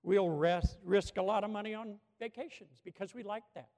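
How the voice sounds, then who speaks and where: A man preaching a sermon in a church, telling a story with animated swings from hushed to shouting. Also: high-pitched, normal speed. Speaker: pastor. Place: church sanctuary with a balcony. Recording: long hall reverb from a church.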